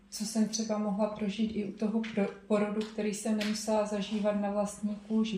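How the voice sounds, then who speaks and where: Woman preacher, soft reflective sermon, echoey room. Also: medium pitch, slight background noise.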